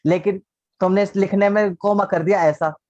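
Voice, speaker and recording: A man's voice: sits high, steady tone, normal speed, a little mellow, no echo. A man teaching an online class, patiently asking the class questions and answering them himself. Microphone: video call. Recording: dull lo-fi online class audio.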